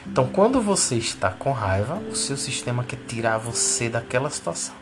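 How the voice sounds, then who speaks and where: A man's voice: mid-range voice, very animated, fairly quick, music in the background. A man explaining a lesson step by step, repeating key words and checking in with the listener. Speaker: teacher of a spiritual course. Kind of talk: didactic explanation.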